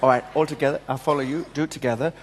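A man's voice: mid-range voice, fairly even intonation, racing. Give me a jovial man at a pulpit microphone. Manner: jovial, self-mocking, chatty. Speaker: church service leader giving announcements. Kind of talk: church notices from the front. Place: large church hall. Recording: long church hall reverb.

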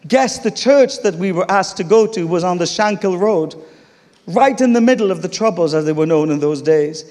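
With a high-pitched voice at a moderate pace, a man with an English accent preaches, first recounting a funny tale with laughs and then turning to teaching. His manner is humorous and animated. The recording has the long reverb of a large hall.

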